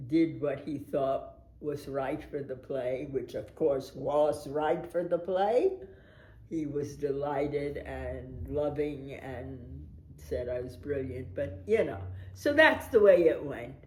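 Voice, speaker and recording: An older American woman, a veteran stage actress, reminisces slowly in a documentary interview as an animated storyteller who laughs often. Her voice is deep, with a roomy echo.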